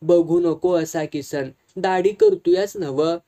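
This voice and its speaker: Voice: mid-range voice, slow, warm tone, natural voice. A reader doing a scared old village elder. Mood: fearful. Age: older. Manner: rural dialect, fearful, confessional. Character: frightened old village patriarch, haunted and guilty.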